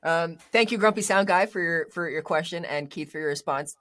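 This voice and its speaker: A man's voice: a little high, brisk, a bit bright. A man hosting a podcast in a casual, upbeat way, stumbling over his words now and then. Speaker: podcast host.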